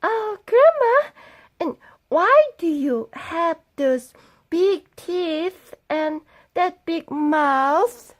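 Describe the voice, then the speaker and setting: A woman's voice: very high voice, animated, very slow, pitched above the performer's own voice, exaggerated voice. A woman voicing a sweet, innocent little girl in a children's fairy tale, with a sing-song, wondering manner.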